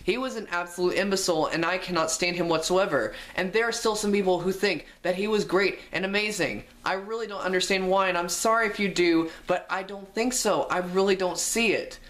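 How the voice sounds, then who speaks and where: A man's voice: high voice, brisk, few pauses, fairly bright tone. A young man telling a storytime rant on his vlog, exasperated, his voice jumping up when indignant. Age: young adult. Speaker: vlogger.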